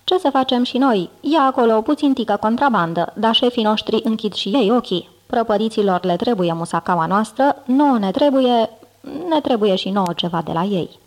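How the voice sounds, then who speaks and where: Woman voicing Zmeu, a gruff old monster. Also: fairly high pitch, expressive. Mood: grumbling. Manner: folksy, scolding, drawling. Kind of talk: audiobook character reading.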